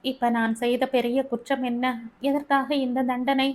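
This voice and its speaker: A woman voices a gentle young wife in an audiobook story, speaking in a soft, calm and pleading way. She stays patient under her husband's scolding. The voice is fairly high. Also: measured pace. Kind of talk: audiobook character reading.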